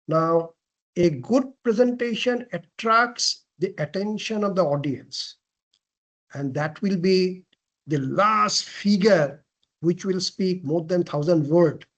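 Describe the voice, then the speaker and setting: A man with a fairly high voice teaches a class on how to present well. He talks slowly and deliberately, putting questions to the room and answering them himself. He often clears his throat and restarts his phrases. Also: a bit bright. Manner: frequent throat clearing and self-corrections. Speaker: lecturer on presentation skills. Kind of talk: classroom lecture.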